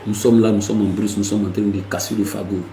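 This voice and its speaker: A man hosting a casual language lesson, lively and repetitive, with playful asides. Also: on the low side, fast talker, echoey room, a little hiss or hum, low-quality recording. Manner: lively, repeats words, slips into playful asides. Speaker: language teacher hosting a segment.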